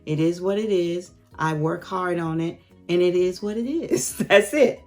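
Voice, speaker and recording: A woman's voice: on the low side, a little slow, a little mellow, soft background music. A woman in her late fifties chatting candidly and laughing often as she answers viewer questions in a casual vlog. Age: late 50s. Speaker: YouTube host.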